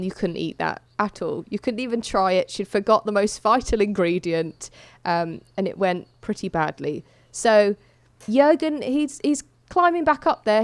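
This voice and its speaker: A woman's voice: mid-range voice, dry recording. A woman hosting a podcast, chatting casually about a baking show with light amusement. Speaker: podcast host. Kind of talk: casual chat.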